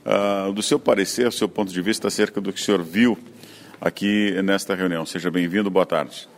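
A man's voice: deep voice, steady tone, fairly quick. A man hosting a rural radio program, interviewing people on site in a conversational way. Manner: conversational, leading questions.

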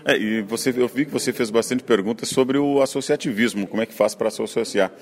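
A man's voice: medium pitch, a little fast. A man hosting a rural radio program, interviewing people on site in a conversational way. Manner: conversational, leading questions.

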